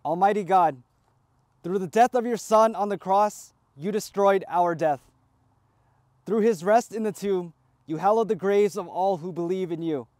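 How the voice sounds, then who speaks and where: High-voiced priest reciting funeral prayers. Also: male voice, a little mellow, dry recording. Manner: measured liturgical recitation. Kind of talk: graveside funeral rite.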